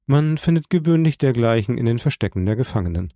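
A man gives voice to a grave, reserved count in an audiobook. He speaks calmly and with restraint, in a mellow, gravelly tone and a dry, close sound. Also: medium pitch, fast talker, no echo, natural voice. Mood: restrained. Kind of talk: audiobook character reading.

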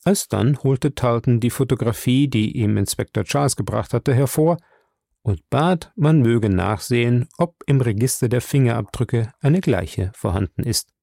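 A man narrating a detective story with expressive, measured storytelling. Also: medium pitch, creaky, no room sound, clean studio sound. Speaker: audiobook narrator. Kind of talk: scripted narration.

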